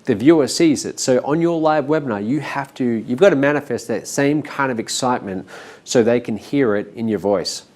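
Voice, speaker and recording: A man teaching how to sell on a webinar, with a naturally monotone voice that he says he has to push into excitement. He spells things out slowly and repeats key points. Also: medium pitch. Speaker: webinar marketing instructor. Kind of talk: instructional talk.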